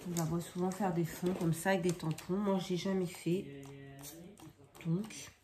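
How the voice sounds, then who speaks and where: A woman's voice: fairly low pitch, steady tone, a little slow, background noise. A woman chatting casually as she demonstrates scrapbooking at her craft table at home, improvising and often hesitating. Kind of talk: casual craft tutorial chat.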